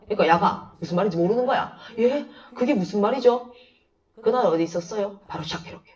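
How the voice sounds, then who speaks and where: A woman literature teacher lecturing in a chatty way, telling anecdotes and acting out the lines of the people in them. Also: mid-range voice. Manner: chatty, animated storytelling, acts out dialogue. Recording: dull, slightly distant lo-fi sound.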